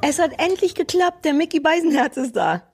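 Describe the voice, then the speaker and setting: A woman's voice: sits high, big pitch swings, a little fast, creaky, a little hiss or hum. A woman hosting a podcast in a chatty, teasing, rambling way. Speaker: podcast host. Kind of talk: casual chat.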